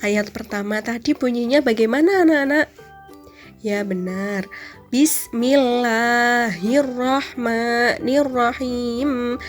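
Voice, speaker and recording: Slow, over-enunciating woman teacher. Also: on the high side. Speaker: teacher of young children. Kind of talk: slow explanatory religious lesson for children.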